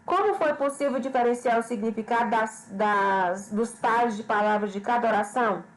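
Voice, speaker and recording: A woman's voice: on the high side, slight background noise, low-quality recording. A woman teacher giving an online grammar lesson, patient and repetitive, often checking in with her students. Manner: slow, patient, repeats questions and checks with "certo?".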